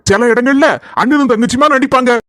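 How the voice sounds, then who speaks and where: A man's voice: extremely high pitch, fairly even intonation, a little fast, bright, forceful tone, no echo, clean studio sound. A man voicing a stern, lecturing police officer in a cartoon, with a Kanyakumari Tamil accent and a scolding, explanatory way of talking. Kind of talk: cartoon dialogue.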